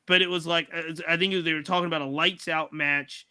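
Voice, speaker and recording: Bright, crisp-voiced podcast host. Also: male voice, fairly high pitch, steady tone, a little fast. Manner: loose, hesitant, full of fillers. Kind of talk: casual chat.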